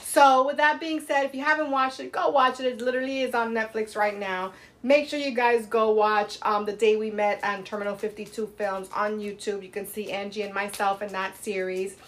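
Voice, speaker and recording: A woman's voice: medium pitch, flat delivery, a little fast, fairly bright tone, slight background noise. An outspoken woman hosting a casual talk show, emphatic and free with swearing, repeating phrases to drive points home. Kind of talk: casual chat.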